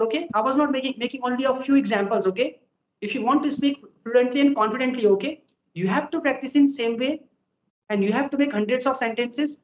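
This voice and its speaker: The voice is a young man's, very high and heard through a reverberant, lo-fi recording. Speaking with an Indian accent as a native Hindi speaker, he gives casual step-by-step advice as a guest English learner, adding "okay" and "right" to his sentences.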